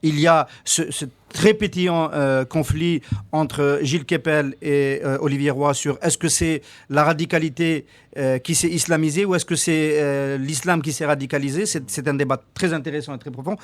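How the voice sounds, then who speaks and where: A man from Algeria speaks on a radio panel discussion in a slightly high voice. He hesitates a lot, repeating words and filling pauses. The sound is dry and close to the mic. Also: fairly even intonation, no room sound.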